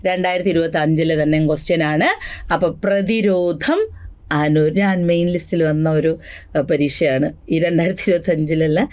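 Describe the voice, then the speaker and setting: A woman's voice: low-pitched, steady tone, darkish tone. Woman drilling vocabulary for exam prep. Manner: drills word lists slowly, then chats quickly with asides; addresses students fondly as children. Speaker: exam coaching teacher. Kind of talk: exam revision lesson.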